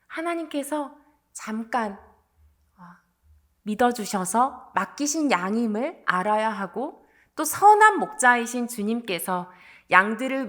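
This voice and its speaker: A woman's voice: on the high side, fairly bright tone. A woman pastor delivering a sermon, telling a story expressively and sometimes dropping to a near whisper.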